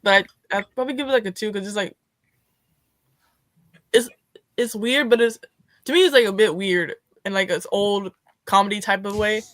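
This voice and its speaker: A woman's voice: medium pitch, fairly even intonation, moderate pace, long pauses, a bit bright, no room sound, clean studio sound. A woman guest in casual podcast chat, rambling with many fillers. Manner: rambling, lots of "like".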